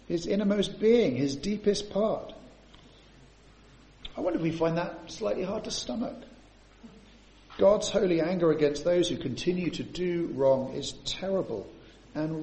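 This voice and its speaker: A man's voice: sits high, gravelly, dark tone. Man preaching a sermon in an echoey church. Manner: asks rhetorical tag questions.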